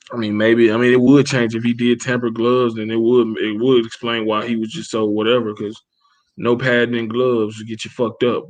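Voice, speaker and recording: A man co-hosting a casual boxing chat, profane and animated, acting out quotes as he tells stories. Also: fairly low pitch. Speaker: podcast co-host.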